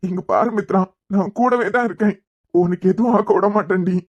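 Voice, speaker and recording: Speaking a little fast at medium pitch, a woman uses a natural-sounding voice to portray a young man anxiously tending a girl who fainted. The audio is dull but free of echo. It's cartoon web series voice acting, tender and pleading, with a Kanyakumari Tamil accent.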